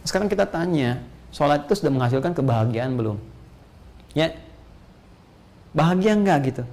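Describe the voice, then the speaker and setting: Gravelly Indonesian preacher, lively. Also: male voice, moderate pace. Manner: animated, rising to high emphatic peaks, playful asides. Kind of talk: motivational religious lecture.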